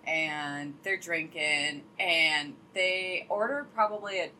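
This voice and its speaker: A young adult woman talking in a relaxed, chatty way, her tone a little low yet bright and sharp. She strings stories together loosely, full of "like" and easy laughs. There is a faint hiss of noise behind her. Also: slow, rough recording. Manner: chatty storyteller, heavy use of "like", laughs often. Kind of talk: casual chat.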